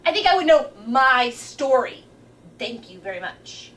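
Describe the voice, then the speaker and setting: A woman's voice: high-pitched, big pitch swings, unhurried, a bit bright, full character voice. A woman playing a self-pitying, vain young Cinderella in broad comic fairy-tale theatre, with overwrought delivery and snide asides. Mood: snide, haughty.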